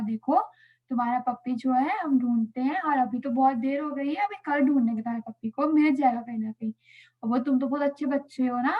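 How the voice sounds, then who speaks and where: A woman telling a story to children in an animated, playful way, adding sound effects. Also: high-pitched. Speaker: Sunday school storyteller. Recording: tinny phone-like audio.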